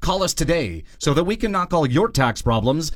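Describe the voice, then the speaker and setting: A man giving a scripted advertising pitch as a company spokesman. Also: sing-song, normal speed, dry recording, studio quality.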